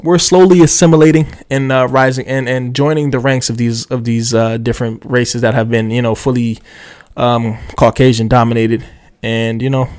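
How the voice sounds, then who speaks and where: A man talks through motorsport news on his own podcast at a studio mic. He rambles in a relaxed way, with plenty of "you know what I'm saying" and little jokes at his own expense. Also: medium pitch, moderate pace, clean tone. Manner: jokey, self-amused asides. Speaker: podcast host. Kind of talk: casual solo podcast commentary on motorsport.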